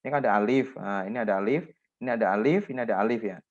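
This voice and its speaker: A man's voice: on the low side, very fast, lo-fi sound. A man teaching Quran recitation rules to a class, patiently explaining and modeling example words, often checking in with his students. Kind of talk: classroom lesson on tajwid rules.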